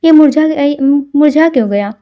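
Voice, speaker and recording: A woman doing a lively, affectionate young sister. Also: high-pitched, moderate pace, dull audio, voice pushed up.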